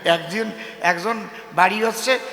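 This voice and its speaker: A man's voice: high voice, slow, sharp tone, reverberant, long reverb tail. A man with a rural East Bengali accent, a folk poet telling jokes on stage and asking the audience questions. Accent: East Bengali rural dialect. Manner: joking, storytelling, asks the audience questions. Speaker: folk poet and kabigaan singer. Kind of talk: humorous stage banter with audience.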